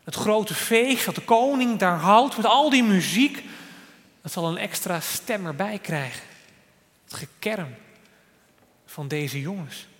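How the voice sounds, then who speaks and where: A man delivers a sermon with a fairly high, unhurried voice. He leans hard on key words, then drops to a quiet, soft tone. The long reverb of a church hall trails after each phrase. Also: expressive. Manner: earnest preaching, swings between loud emphasis and soft quiet lines. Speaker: preacher.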